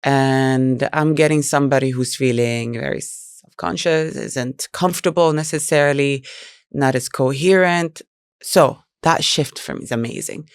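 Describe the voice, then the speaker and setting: A woman's voice: extremely low pitch, unhurried, smooth, no room sound, studio quality. A woman speaking as a guest in an interview, explaining her work thoughtfully and expressively at length. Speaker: guest, speaker agency founder. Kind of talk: interview conversation.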